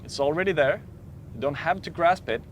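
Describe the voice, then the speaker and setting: Soft-spoken man guiding a meditation. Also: fairly high pitch, a little hiss or hum. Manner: slow, calm, soft-spoken with long pauses. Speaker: meditation teacher. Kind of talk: guided meditation talk.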